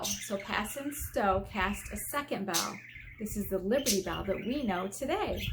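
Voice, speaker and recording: An American elementary teacher with a slightly high voice reads a children's book aloud, explaining it in simple, instructive terms. A faint hiss or hum sits under the recording.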